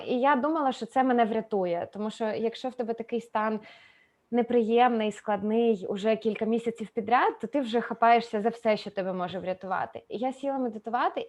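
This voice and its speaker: A woman in her thirties hosting a meditation event over a video call, telling a personal story in an unhurried, hesitant way with many fillers. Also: on the high side, darkish tone.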